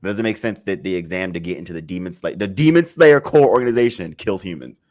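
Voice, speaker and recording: A man's voice: deep voice, fast, darkish tone. A man co-hosting a casual podcast, rambling and swearing as he picks apart a story, restarting his sentences. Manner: rambling, restarts often, swears, laughs in frustration. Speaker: podcast co-host. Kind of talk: casual chat.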